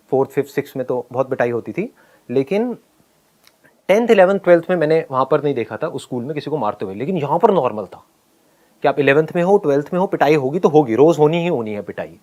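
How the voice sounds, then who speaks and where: A middle-aged man casually telling a personal story, animated, often laughing and acting out what people said. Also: on the high side. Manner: animated, laughs while telling, acts out quoted lines.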